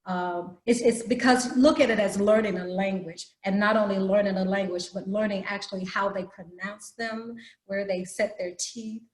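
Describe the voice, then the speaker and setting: Animated woman teaching acting, roomy sound. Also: mid-range voice, moderate pace, few pauses. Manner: animated, demonstrates voices. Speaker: theater teacher. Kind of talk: online badge workshop talk. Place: home room. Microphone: video call. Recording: roomy echo.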